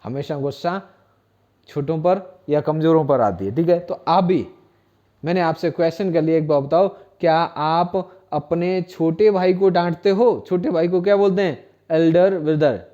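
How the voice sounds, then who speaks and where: An Indian-accented man gives a classroom-style English lesson, with a fairly high but mellow voice. He spells out each word letter by letter and repeats every phrase patiently. The sound is dull and lo-fi. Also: normal speed. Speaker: spoken English teacher. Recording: dull lo-fi recording.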